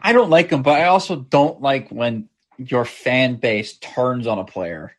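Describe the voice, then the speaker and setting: A man's voice: medium pitch, a little slow. A man co-hosting a sports podcast, talking casually and repeating words as he thinks. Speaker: podcast co-host.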